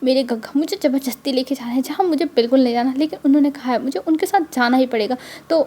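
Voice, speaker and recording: A woman's voice: high voice, fast talker, dark tone. A woman voicing a young male college friend who chats cheerfully and reassures his friend. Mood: reassuring. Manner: reassuring, chatty.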